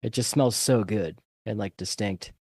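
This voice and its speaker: Podcast guest, male, low-ish voice, rambling and self-deprecating, dry close sound. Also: normal speed, darkish tone, breathy edge, dry recording. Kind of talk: casual chat.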